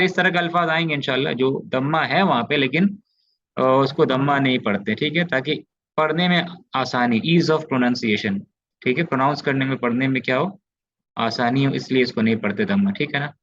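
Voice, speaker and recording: A man's voice: medium pitch, a bit bright, dull audio. A man from India teaching an Arabic grammar lesson, explaining patiently and often checking that his students follow. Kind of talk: online class lecture.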